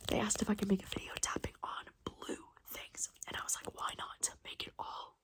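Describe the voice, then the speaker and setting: A woman in her late twenties hosting ASMR, chatting casually in a breathy whisper and softly repeating some phrases. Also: normal speed. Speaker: ASMR video host.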